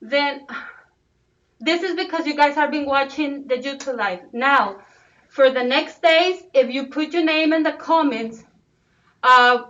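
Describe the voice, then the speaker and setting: A woman's voice: high voice, a little slow, a bit bright. A woman hosting a casual school live stream, talking informally and restarting phrases often. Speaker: school show host. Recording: dull and distant.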